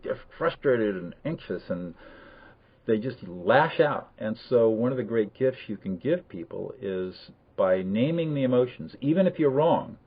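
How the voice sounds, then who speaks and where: A man explaining conflict de-escalation in a measured conversational way, with emphatic bursts. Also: medium pitch, breathy edge. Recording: tinny phone-like line.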